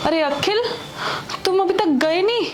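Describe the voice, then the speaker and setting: A woman's voice: extremely high pitch, a little slow, soft background music. A woman acting a pregnant married woman secretly in love with another man, pleading and defensive. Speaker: actor. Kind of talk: Hindi web skit acting.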